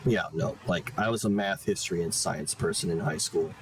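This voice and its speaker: A young man streaming a game, chatting casually and rambling with lots of fillers and quick laughs. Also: low voice, a crowd in the background, rough recording. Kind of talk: casual live-stream chat while playing.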